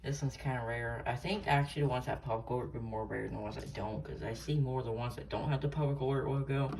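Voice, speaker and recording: Steady and mid-range with a darkish tone, his voice walks through a radio collection in a relaxed show-and-tell. He speaks haltingly, rambles, and revises himself often, against a noisy, clicking room.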